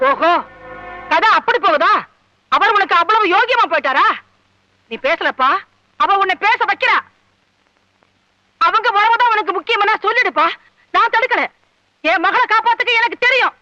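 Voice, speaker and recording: A woman's voice: extremely high pitch, animated, normal speed, long pauses, bright, forceful tone, no echo, exaggerated voice. An actress playing a middle-aged mother, wronged and stubborn, speaking with emotion in a 1980s film drama. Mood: defiant. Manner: pleading then defiant, emotional. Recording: lo-fi film soundtrack with music.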